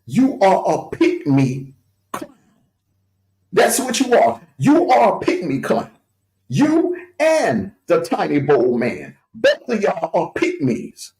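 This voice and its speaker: A man's voice: high voice, huge pitch swings, takes it slowly, a little mellow. Male streamer host, mocking rant, voice leaps up and down, echoey room. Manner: taunting, jeering, with scornful laughs. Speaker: livestream host.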